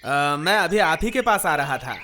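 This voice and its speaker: A man's voice: fairly high pitch, lively intonation, moderate pace, sharp tone, a little hiss or hum. An actor dubbing a cheerful newly married young man, bossy with workers and polite to an elder, in a film scene. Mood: polite, grateful. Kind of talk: Hindi film dub acting. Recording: film soundtrack with faint music.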